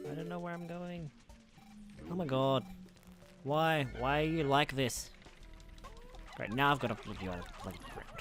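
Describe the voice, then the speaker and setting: A man giving casual, chatty commentary while playing a video game, muttering to himself, swearing freely and sounding exasperated at the game. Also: medium pitch. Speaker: let's play gamer.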